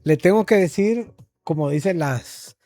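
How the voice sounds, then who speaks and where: A man's voice: high-pitched, a little slow, mellow, dry recording. A man hosting a podcast interview who greets his guests in an upbeat, welcoming way. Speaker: podcast host.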